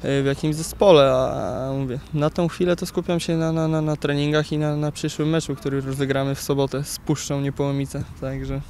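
A young footballer in his twenties answering interview questions outdoors beside a pitch, halting with many repeated words. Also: level tone, darkish tone. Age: 20s. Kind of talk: post-training interview. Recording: faint outdoor noise.

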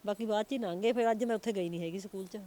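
Fast-talking plaintive middle-aged woman. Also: medium pitch, mellow. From Punjab, India. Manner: plaintive, repeats her complaints. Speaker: grieving mother. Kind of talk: emotional interview answers.

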